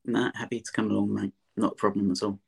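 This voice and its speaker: A man's voice: on the low side, little pitch movement, fast talker, creaky, darkish tone, breathy edge. A man with an Essex accent chatting casually as an interview guest, plain-spoken and repeating points for emphasis. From Essex, near London, England. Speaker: podcast guest.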